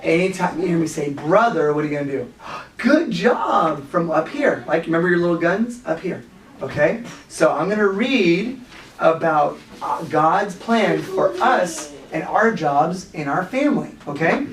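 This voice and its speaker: A man's voice: a little high, normal speed. A man teaching a children's Bible class, encouraging the kids and prompting them with questions. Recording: echoey room, mic far off.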